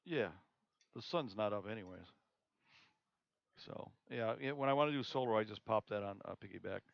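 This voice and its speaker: A man hosting a live observatory stream, chatting casually and haltingly with fillers and restarts. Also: fairly low pitch, creaky, no echo. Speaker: observatory host. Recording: dull lo-fi stream audio.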